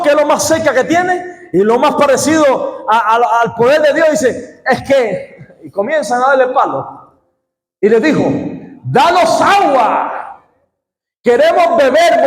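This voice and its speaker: A male pastor preaching a sermon with call-and-response, often breaking into shouts. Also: very high voice. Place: church sanctuary. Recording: echoey church hall reverb.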